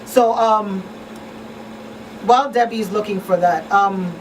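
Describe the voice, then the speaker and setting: A middle-aged woman hosts a conversational radio talk show from a small studio, speaking earnestly and slowly in a mid-range voice while repeating phrases for emphasis. She uses a boom-arm studio microphone placed at a distance, with faint room noise audible.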